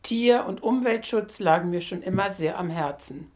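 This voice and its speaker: A woman in her sixties introducing herself in a calm, measured, earnest way. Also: medium pitch. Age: 60s. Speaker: interviewee. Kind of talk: prepared self-introduction.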